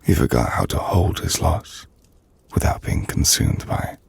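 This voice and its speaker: In an intimate ASMR roleplay, a man voices a melancholy, gentle half-vampire nobleman, his low, gravelly, breathy voice hushed and slow, with formal, measured phrasing. The dramatic monologue is sombre and grieving, delivered with lively intonation and an exaggerated voice.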